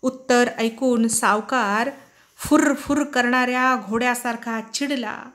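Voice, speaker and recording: A woman reads a short story aloud with vivid, dramatic expression. Her voice sits a little higher than most women's, and she shapes each scene with feeling. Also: steady tone, slow pace, fairly bright tone. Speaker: story reader.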